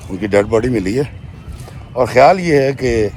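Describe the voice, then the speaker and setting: With a medium-pitched, expressive, darkish voice over slight background noise, a man narrates a true story for his viewers. He retells a woman's account in her own words, often adding "she says," and now and then speaks directly to his listeners as friends.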